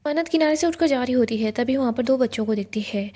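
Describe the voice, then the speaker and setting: A woman with a high voice and quick pace gives a casual, scene-by-scene recap of a TV serial. She retells it steadily, quoting the characters' lines in her own voice.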